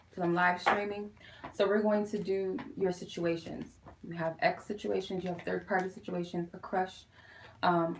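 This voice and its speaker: Woman doing a casual tarot stream, gravelly fry, chatty, roomy echo with a bit of noise. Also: fairly low pitch, a little mellow. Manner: informal, chatty, addressing viewers as "you guys". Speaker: tarot reader, live streamer. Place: quiet room at home.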